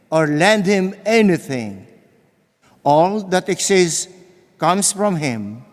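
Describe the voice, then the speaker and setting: A man reading scripture aloud as lector at Mass, formal and solemn, in a large echoing church. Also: fairly high pitch. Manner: measured, formal. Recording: echoing church with long reverb.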